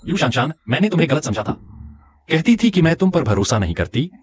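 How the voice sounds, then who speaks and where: A man's voice: fairly high pitch, big pitch swings, brisk, a little hiss or hum. An actor playing a suspicious, angry husband who accuses his wife of cheating. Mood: hurt. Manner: accusing, agitated. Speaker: jealous husband.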